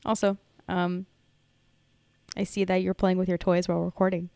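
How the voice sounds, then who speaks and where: A woman co-hosting a casual podcast, chatting with sarcastic, animated energy. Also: on the low side, moderate pace, vocal fry, dry recording. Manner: sarcastic, animated, slips into a hyped announcer voice when reading. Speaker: podcast co-host. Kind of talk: casual chat. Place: home podcast setup.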